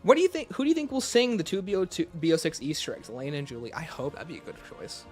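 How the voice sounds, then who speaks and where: Over soft background music, a man hosts a livestream, reading out viewer questions and tossing off casual answers. His voice sits a little high and is slightly mellow, with huge swings in pitch and a rapid-fire delivery.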